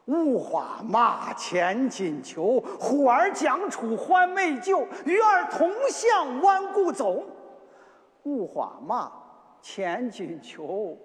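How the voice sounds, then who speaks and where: A man with a Shaanxi accent recites classical poetry theatrically, his voice extremely high and swooping widely in pitch. He declaims in drawn-out phrases. The sound rings with long hall reverb. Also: sing-song. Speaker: poetry performer.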